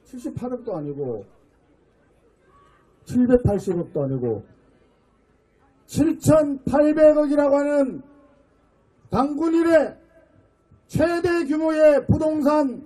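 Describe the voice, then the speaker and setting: A middle-aged man delivers a fiery rally speech outdoors, his voice pushed very high from shouting yet dark and mellow in tone. He speaks slowly, breaking his words into emphatic pieces. He fires rhetorical questions at the crowd. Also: big pitch swings, low-quality recording. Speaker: party floor leader giving a rally speech.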